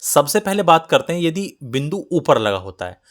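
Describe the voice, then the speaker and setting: A man's voice: a little high, big pitch swings, moderate pace. A man teaching a Hindi grammar lesson for exam students, explaining step by step and speaking directly to the class over a close voice-over mic.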